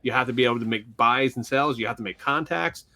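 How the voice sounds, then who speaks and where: A man with a Philadelphia accent co-hosting a relaxed podcast chat. His voice sits at an ordinary middle pitch. He rambles, restarts his sentences and laughs along as he talks. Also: fast. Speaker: podcast co-host. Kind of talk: casual chat.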